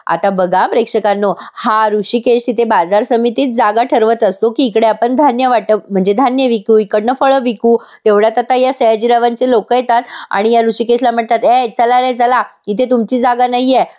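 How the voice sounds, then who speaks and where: A woman's voice: a little high, fairly even intonation, moderate pace, hardly any pauses, darkish tone. A woman with a Marathi accent narrating a TV serial recap in a chatty voice-over, her voice strained and tired. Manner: chatty, addresses viewers directly.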